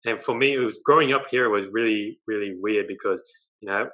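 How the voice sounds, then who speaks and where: Poor audio captures a young man with an Australian accent, a dating coach appearing as a guest on a video call from his living room. His voice runs on the low side and a little fast. He tells his story with animation, gesturing frequently and ending lines with "right?"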